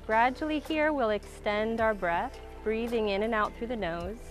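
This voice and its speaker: A woman yoga instructor calmly leading a slow, grounding breath and body awareness exercise in a guided class. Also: mid-range voice, soft background music. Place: outdoor waterside wooden deck.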